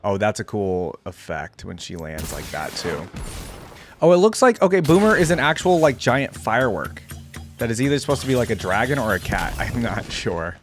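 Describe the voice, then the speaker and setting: A reaction video host thinks aloud while enthusiastically and casually reacting to game skins, with game music and effects playing behind him. His voice is fairly low, at normal speed, with lively intonation.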